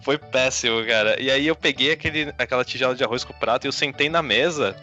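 Bright-voiced Brazilian man telling a story. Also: mid-range voice, quick pace, dull audio, faint music behind. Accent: Brazilian Portuguese. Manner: animated, self-mocking anecdote teller. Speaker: podcast co-host. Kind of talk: casual storytelling chat.

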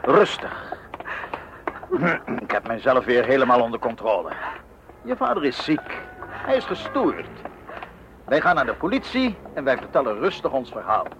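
An actor playing an anxious husband and father who urges calm and pushes toward the police. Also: medium pitch, normal speed, pauses often, noisy background, close to an everyday voice. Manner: urgent, forced calm. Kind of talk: radio drama acting.

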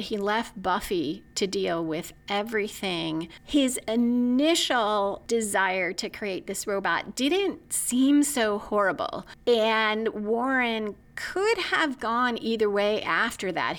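A woman's voice: mid-range voice, a bit bright. A woman hosting a podcast, giving a methodical, analytical scripted recap of a TV episode. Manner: methodical, analytical, marks timestamps. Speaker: podcast host.

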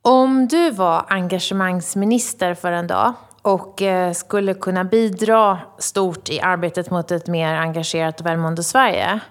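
A woman's voice: on the low side, fairly even intonation. A woman interviewing a guest, asking thoughtful questions with some hesitation.

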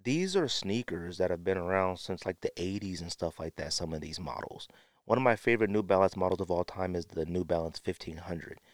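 An animated, brisk podcast host with a low voice shares strong opinions, repeating phrases for emphasis while sniffling from a runny nose. Recorded on a close podcast mic, the audio is studio quality with no room sound.

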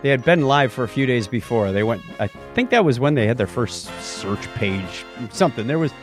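Co-hosting a podcast, a man trades casual banter and reads listener mail and history items aloud, tossing in jokey wordplay. His mid-range voice is brisk with lively intonation, and soft music plays in the background.

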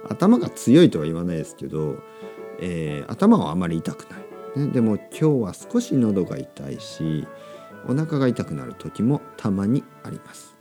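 A man hosting a podcast for learners of Japanese, speaking slowly in simple words and repeating them, with a slightly sore throat. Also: lowish voice, wildly swooping pitch, dark tone, faint music behind. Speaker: podcast host teaching Japanese. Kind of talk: slow, simple podcast talk for language learners.

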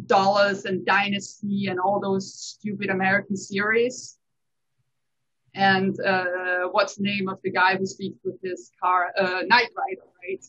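Husky woman telling stories. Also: medium pitch. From Denmark. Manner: animated storyteller, laughs often. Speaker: tax accountant guest. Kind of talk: casual interview chat. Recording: dull lo-fi recording.

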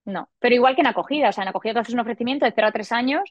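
Woman in her 40s rattling off a story quick, dry dull sound. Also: no echo. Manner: animated, acts out quoted dialogue in a higher voice. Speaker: podcast guest. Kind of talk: casual storytelling.

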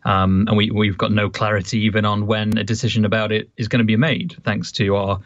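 A man's voice: fairly low pitch, flat delivery, brisk, no room sound, highs cut off. A British man giving casual commentary as a guest, hesitant and dryly sarcastic.

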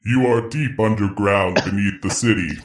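Echoey unearthly bear god done by a guy, low n slow, solemn and apologetic, tabletop game. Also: lightly acted. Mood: solemn, benevolent. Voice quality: unearthly, echoing, cavernous voice. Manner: slow, formal, stately. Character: solemn, apologetic celestial bear spirit, grand and ancient. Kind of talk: tabletop role-play. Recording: echoing, reverberant voice.

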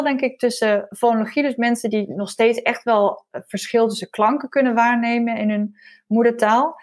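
A woman's voice: fairly high pitch, darkish tone. A woman language researcher explaining her findings in an interview, thoughtful and a little hesitant.

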